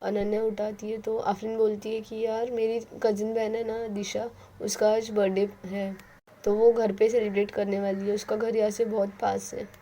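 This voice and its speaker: A woman's voice: medium pitch, little pitch movement, normal speed, warm tone, slight background noise, rough recording. A woman narrating a love story in a casual style, speaking all the characters' lines herself in her own voice.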